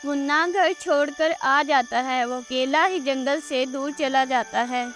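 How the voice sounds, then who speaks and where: High-voiced, slow woman narrator. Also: fairly bright tone. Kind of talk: scripted storybook narration. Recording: faint music behind the voice.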